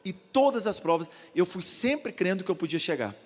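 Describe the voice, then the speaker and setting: A man's voice: high voice, very animated, moderate pace, big-room sound. An older man with a Brazilian Portuguese accent, a pastor preaching a sermon and telling a story, acting out the voices of the people in it. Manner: storytelling, acts out the voices of others in his anecdotes. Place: church.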